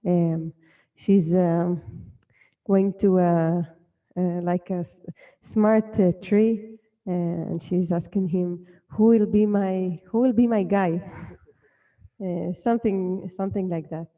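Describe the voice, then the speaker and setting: Slow, dark-voiced woman, hesitant. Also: on the low side, fairly even intonation. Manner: hesitant, searching for words. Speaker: singer. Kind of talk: casual interview answer. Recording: muffled, dull sound.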